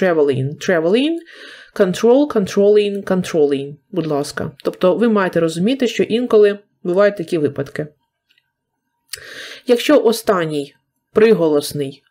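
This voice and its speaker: A Ukrainian-accented woman gives a recorded English grammar lesson in a somewhat low voice. She explains spelling rules step by step with patience. She slows down deliberately whenever she reads out English examples. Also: darkish tone. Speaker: English teacher.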